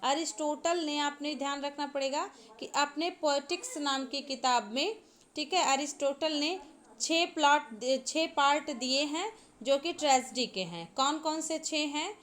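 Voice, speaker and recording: A female instructor lectures for an exam, her high-pitched, somewhat bright voice moving at a measured pace. Each point gets a step-by-step explanation, key terms are repeated, and the class is asked to reply.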